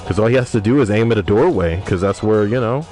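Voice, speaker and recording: A young man talks fast in a lowish, darkish-toned voice as he streams a game. He reads viewer messages aloud and trades crude, profane banter in casual livestream chat over background music.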